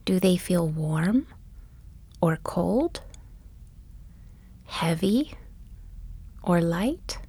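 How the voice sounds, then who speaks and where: A woman guiding a bedtime body-scan meditation, speaking softly and gently, often in a whisper. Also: fairly low pitch, animated, husky. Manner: soft, often whispered delivery; gentle, soothing and unhurried. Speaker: meditation guide.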